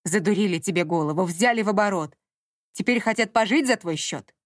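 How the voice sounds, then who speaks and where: A woman voicing a domineering, guilt-tripping middle-aged mother who talks down slowly and scolds, in a dry audiobook reading. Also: medium pitch, no room sound, close to an everyday voice. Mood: scornful. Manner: slow, scolding and condescending.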